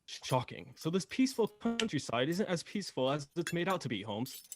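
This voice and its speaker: A man playing an earnest, easily shocked gentleman doctor in a radio play, proper and a little fussy. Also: fairly high pitch, very animated, fairly quick, music in the background. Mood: shocked, curious.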